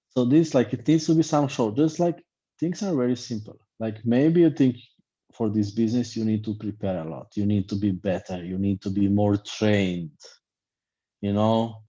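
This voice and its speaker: Blunt life coach man, dark voice. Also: on the low side, husky, dull audio. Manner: loose, repetitive, filler-heavy, blunt. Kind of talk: online class talk. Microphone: video call.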